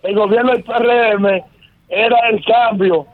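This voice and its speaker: A man's voice: sits high, steady tone, a little slow. A man, calling in to a radio talk show over a phone line. He talks insistently, repeating his points and calling the host by name again and again. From Dominican Republic. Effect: heard over a phone line on the radio. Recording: narrow phone-line sound with crowd noise behind.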